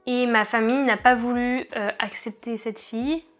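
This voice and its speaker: A woman's voice: a little high, steady tone, moderate pace, faint music behind. Young French woman, chatty vlog storytelling. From France. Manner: chatty, frequent hesitations, wry asides. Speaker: vlogger. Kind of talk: casual chatty storytelling to camera.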